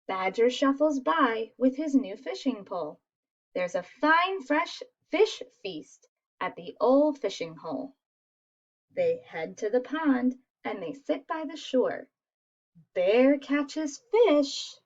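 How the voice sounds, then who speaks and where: A woman with a high voice reads a children's picture book aloud in an unhurried, expressive, animated way, asking her listeners questions. The recording is slightly lo-fi.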